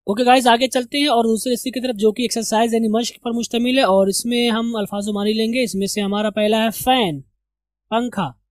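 A man with an Indian accent teaching English, repeating words slowly and carefully to drill their pronunciation. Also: very high-pitched, steady tone, dry recording, rough recording. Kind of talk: language lesson.

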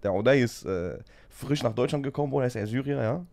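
A man's voice: mid-range voice, fast, gravelly. A man telling a funny story in casual street slang, laughing often as he goes. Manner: animated, slangy, keeps saying "Bruder".

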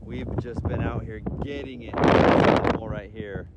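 A man hosting a wildlife vlog outdoors at night, giving excited, awestruck casual commentary with swearing and short repeated exclamations. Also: fairly low pitch, a little slow. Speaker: snake-hunting wildlife vlog host. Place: outdoors on a windy road at night. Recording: loud wind noise on outdoor mic.

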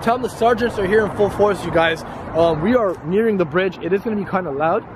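An excitable young man with a fairly high voice talks casually to his viewers in loose slang. He is vlogging outdoors at night on a handheld camera, with traffic noise clearly behind him. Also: fast. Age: young adult. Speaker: vlogger, host of the channel. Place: outdoors on a road bridge at night. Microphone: camera held at arm's length. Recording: noisy outdoor street with traffic.

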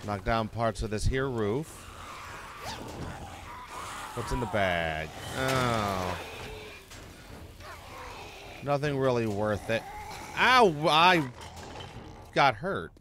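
Unhurried man narrating his gameplay. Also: lowish voice, noisy background. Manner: chatty, talks to himself and the enemies, swears when hurt. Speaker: gaming channel host. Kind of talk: let's play commentary.

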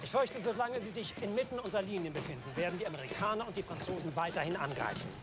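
An actor playing a stern, war-weary German commander in a war film, speaking formally. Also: male voice, high voice, lively intonation, fast talker, loud music behind the voice. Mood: stern, resolved. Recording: loud background noise.

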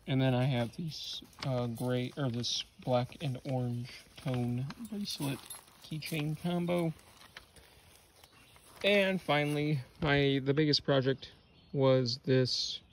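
A young man in his twenties, a small business owner, talking casually to a phone camera outdoors in the woods, rambling with many fillers and restarts. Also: medium pitch. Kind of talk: casual vlog talk. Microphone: phone at arm's length.

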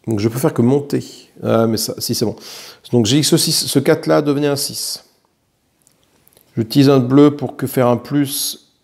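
A man's voice: mid-range voice, moderate pace, vocal fry, darkish tone. A man with a French accent playing a solo board game, thinking aloud as he counts dice and swears lightly at bad rolls. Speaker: board game player narrating his solo play.

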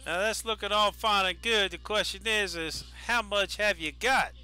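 A man's voice: high voice, moderate pace, clean tone. A man narrating a reality show in voice-over, folksy and teasing. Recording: voice-over with loud music.

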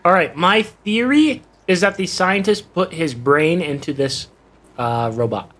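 A young man casually commenting while he plays a video game, chatty and quick to react and laugh. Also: on the high side, fairly bright tone. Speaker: gaming YouTuber. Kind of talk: casual let's play commentary. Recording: game music behind the voice. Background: game music.

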